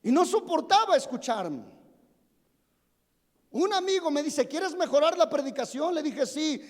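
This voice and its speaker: A man's voice: very high voice, big pitch swings, a little slow. A pastor in his forties preaching a sermon, telling humorous stories about himself and asking the congregation questions. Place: church sanctuary. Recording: long reverb of a church hall.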